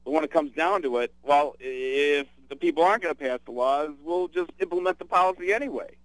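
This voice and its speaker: A man's voice: a little high, brisk, no echo, rough recording. A man hosting a radio talk show, chatting casually about politics with many fillers and restarts.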